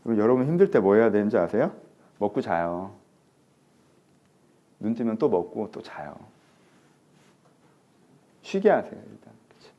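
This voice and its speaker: A man preaching a sermon as pastor in a conversational way, acting out quoted lines and often dropping to a soft murmur. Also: on the low side, big pitch swings, moderate pace, pauses often, lo-fi sound. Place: church.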